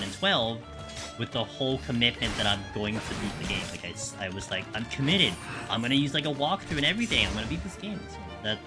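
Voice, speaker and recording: Young man streaming on a headset mic, loud game music behind. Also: medium pitch. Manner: relaxed, rambling, lots of fillers and restarts. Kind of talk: casual live commentary while playing.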